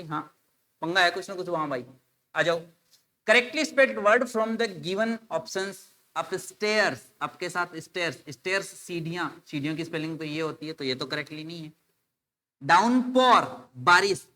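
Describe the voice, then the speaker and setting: Male teacher, bright, slightly high voice, casual classroom explaining. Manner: explains in Hindi mixed with English terms, spells words letter by letter; addresses students casually as "bhai". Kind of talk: exam-solution video lecture.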